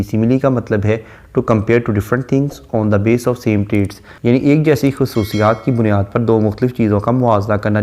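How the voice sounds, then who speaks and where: Man giving a steady literature lecture. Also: lowish voice. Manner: reads verse lines slowly, then explains them at length. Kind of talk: explanatory lecture.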